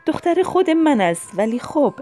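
A woman voicing a lonely elderly aunt who speaks softly and tenderly in an audiobook. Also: high-pitched, sing-song, faint music behind, pitched above the performer's own voice. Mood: tender, wistful.

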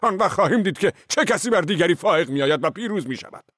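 A man voicing a huge, hot-tempered male villager who shouts threats and hisses with rage in an audiobook. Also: fairly high pitch, big pitch swings, no room sound, studio quality, voice pushed up. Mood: raging. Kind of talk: audiobook character voice.

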